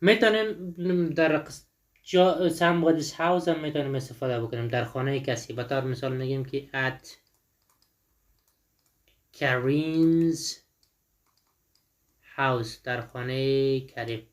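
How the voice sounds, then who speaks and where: A man's voice: mid-range voice, steady tone. Man teaching English. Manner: says English words slowly and translates each into Dari; asks the listener questions and answers them himself. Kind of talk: explaining a textbook lesson.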